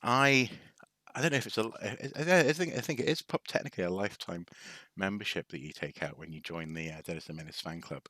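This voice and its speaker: A man's voice: low voice, fast talker, pushed and bright, no room sound, studio quality. A man from North Wales chatting casually on a live stream, hesitant with lots of restarts and wry asides. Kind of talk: casual rambling show-and-tell.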